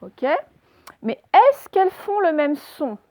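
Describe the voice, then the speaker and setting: A woman teacher giving a recorded reading lesson, speaking slowly and clearly, asking questions and then answering them herself. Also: high-pitched, very animated, dark tone, no room sound. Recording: dry, dull lo-fi recording.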